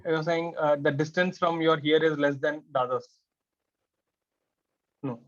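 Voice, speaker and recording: A man delivers a class lecture in a fairly high voice. He keeps it conversational, tossing rhetorical questions at his students. The recording sounds dull and lo-fi. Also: steady tone, unhurried, noisy background. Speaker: teacher.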